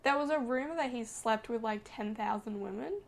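Speaking at a moderate pace with vocal fry, this woman has a voice on the high side. She's a podcast co-host in casual chat, gushing the way a gossipy storyteller would.

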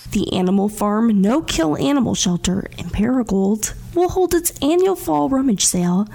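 A woman reads scripted local news for radio. Her voice sits on the high side, with plenty of fry at the edges. The delivery is measured and formal, like a newsreader working through bulletins. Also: lively intonation, mellow.

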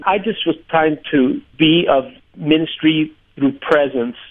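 A male pastor speaking over a tinny, phone-like line, his voice sitting a little high for a man. He recounts events in an earnest, measured way, as a guest in a radio interview. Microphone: telephone.

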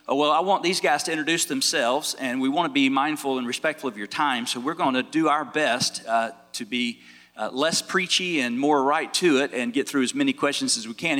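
Pastor guy running a panel, jokey and chatty, bright voice, big echoey hall. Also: medium pitch. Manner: friendly, joking, chatty. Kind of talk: casual moderating at a church event.

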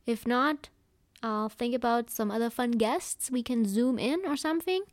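A chatty young woman hosts a podcast in a relaxed, giggly way, her voice sitting a little high. The sound is dry and close, with little room around it. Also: normal speed, dry recording. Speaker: podcast host. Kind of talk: casual chat.

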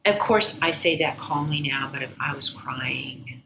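A woman with a notably low voice, recounting her story with earnest, measured calm. She often sinks almost to a whisper. The recording carries a clear hiss of background noise. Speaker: interview guest, former agency director. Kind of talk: reflective personal storytelling.

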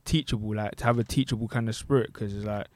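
A man's voice: on the low side, fairly even intonation, fast talker, dry recording. A young man with a London roadman accent, chatting casually and slangily as a podcast co-host. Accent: London, multicultural urban slang. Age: young adult. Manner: London roadman-style slang, frequent tag questions. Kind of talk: casual chat.

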